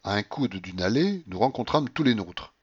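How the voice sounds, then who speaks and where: A man narrating a literary audiobook in a measured way. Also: on the low side, lively intonation, husky. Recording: muffled lo-fi recording.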